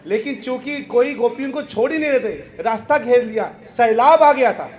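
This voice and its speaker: A man's voice: high voice, reverberant. A man giving a devotional discourse to a live audience, quizzing his listeners and laughing often as he teaches. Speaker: spiritual preacher.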